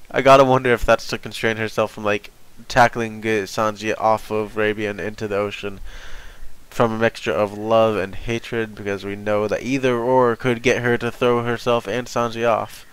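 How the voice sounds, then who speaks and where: A man's voice: lowish voice, level tone, normal speed, smooth, rough recording. A young man with a stuffy nose from being sick, rambling and thinking aloud as he reacts to a comic chapter. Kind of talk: casual live reaction.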